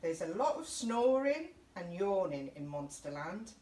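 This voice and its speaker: In a small indoor youth room, a middle-aged woman who runs story time for a youth service reads a children's picture book in a mellow, sing-song voice on the low side, never hurrying. She's chatty and encouraging and stops to point things out along the way. The camera sits a few feet away, so the sound is roomy and distant with a little noise.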